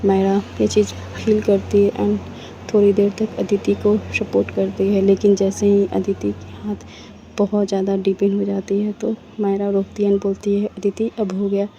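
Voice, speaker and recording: A woman tells a story in a plain, matter-of-fact way. Her voice is very mellow and dark, and her pitch stays flat. The recording is dull and lo-fi, with faint noise behind it. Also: normal speed. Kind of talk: casual story narration.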